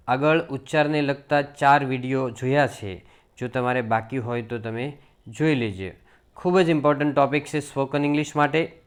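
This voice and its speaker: A man with a Gujarati accent and a medium-pitched voice teaches spoken English pronunciation. He explains things in plain teaching talk, saying each English word slowly and repeating it again and again.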